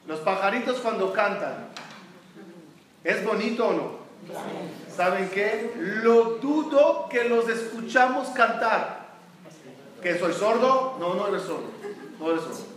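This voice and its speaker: In an echoey room with a distant mic and a little noise, a man from Israel delivers a Torah talk, raising questions for his listeners and answering them himself. His fairly bright voice sits high and is animated yet slow, with frequent pauses.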